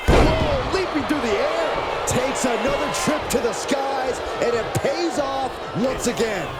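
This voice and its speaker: A man's voice: very high voice, measured pace, loud music behind the voice. A man working as a wrestling commentator, calling moves during a match. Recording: noisy, roaring arena crowd behind.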